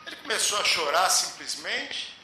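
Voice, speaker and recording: Man, spiritual lecturer, high lively voice, measured emphatic pauses, big echoing hall. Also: soft background music. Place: lecture hall at a public meeting. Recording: echoey hall with faint hiss.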